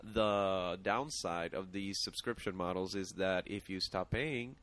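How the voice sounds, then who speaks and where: A man's voice: low-pitched, a little slow, a bit bright, a little hiss or hum. A man co-hosting a casual tech podcast with a stuffy nose, blunt and opinionated. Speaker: podcast co-host.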